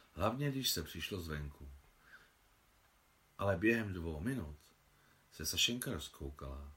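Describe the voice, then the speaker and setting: A man, the translator, reading his own translation of a novel aloud in an expressive way. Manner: expressive reading with wide pitch swings.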